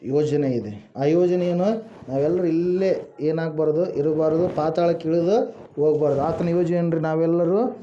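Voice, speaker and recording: A man's voice: fairly high pitch, moderate pace, warm tone, slight background noise. A male pastor preaching a sermon, asking the congregation questions and answering them himself, with frequent hallelujahs. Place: house church room. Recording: echoey room, dull lo-fi sound.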